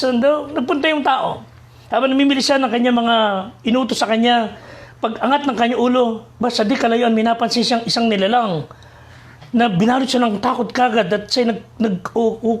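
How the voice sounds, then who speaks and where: A male missionary preacher from the Philippines telling a story in a sermon, mixing in English and speaking to listeners as friends. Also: extremely high pitch. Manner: switches between Tagalog and English, addresses listeners as friends.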